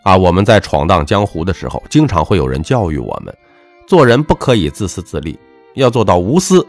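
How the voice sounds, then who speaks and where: A deep-voiced man delivers a motivational monologue in a lecturing, emphatic way. His pitch swings widely, jumping up on key words and sinking low at the ends of phrases. The recording is close and dry, with faint music underneath. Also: sing-song, a little fast, no echo. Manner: emphatic, lecturing, swings between punchy highs and dropped low endings. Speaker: self-help speaker. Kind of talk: motivational monologue with personal anecdote.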